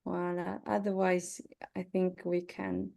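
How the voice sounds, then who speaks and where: A woman moderating an online event, briskly helping a speaker with screen sharing over a video call. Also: on the low side, little pitch movement, vocal fry, mellow. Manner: brisk, helpful with tech checks. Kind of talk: casual chat on a video call.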